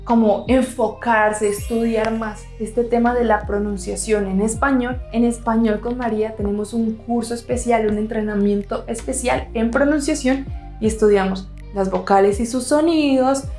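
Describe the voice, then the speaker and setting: A woman teaching a Spanish lesson, slowly demonstrating pronunciation and repeating example words. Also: a little high, steady tone, a little mellow, echoey room, faint music behind. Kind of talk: online language lesson.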